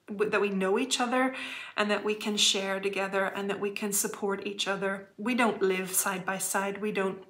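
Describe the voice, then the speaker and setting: A woman's voice: medium pitch, fairly bright tone. A woman chatting to camera in a heartfelt, chatty way as a cross-stitch vlogger. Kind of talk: casual chat to camera.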